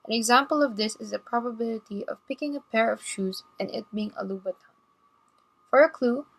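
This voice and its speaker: Lady reading an explainer script, bit high, creaky. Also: rough recording. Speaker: narrator. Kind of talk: scripted educational narration.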